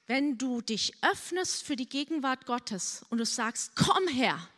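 A middle-aged woman pastor preaching a sermon in earnest, drawn-out phrases, sometimes dropping to a hushed, pleading prayer voice. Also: high-pitched. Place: church hall. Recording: church hall with long reverb.

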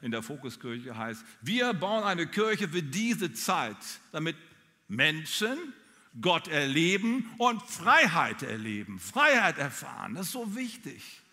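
A man preaching a sermon, talking straight to his listeners in an animated way. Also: a little high, takes it slowly, big-room sound. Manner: animated, addresses listeners directly. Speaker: pastor.

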